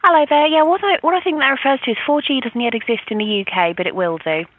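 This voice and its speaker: A woman's voice: high voice, quick pace, slightly rough, faint music behind. A young woman working as a phone sales agent, polite and apologetic as she deals with a customer. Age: young adult. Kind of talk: customer service phone call. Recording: noisy phone call line.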